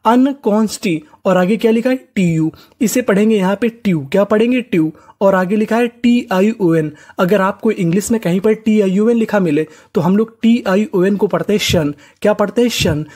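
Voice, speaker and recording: A man's voice: high voice, mellow. A man teaching an English spelling lesson step by step, patiently breaking words into syllables and repeating each one as he asks the class.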